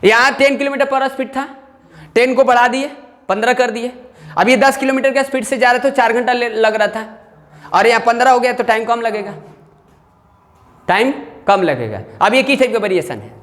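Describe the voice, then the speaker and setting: A man's voice: very high voice, normal speed, fairly bright tone. Guy teaching maths to a class, keeps checking they follow, echoey classroom with long reverb. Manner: keeps checking if students follow, coaxing questions. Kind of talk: classroom lecture. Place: classroom with students.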